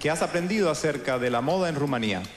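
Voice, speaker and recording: A man interpreting live on stage, somewhat halting in his delivery. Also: a little high, animated. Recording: echoey hall, music behind.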